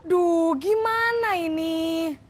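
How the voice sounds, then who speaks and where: A woman's voice: measured pace, pushed and bright, heavily acted. A woman acting in a classroom role-play as a strict, exasperated schoolteacher who nags and scolds a late pupil. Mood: whiny guilt-tripping. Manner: scolding, nagging, high-pitched.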